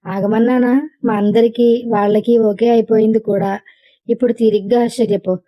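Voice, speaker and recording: A woman's voice: on the high side, little pitch movement, normal speed, highs cut off, close to an everyday voice. A woman voicing a blunt, teasing elder brother.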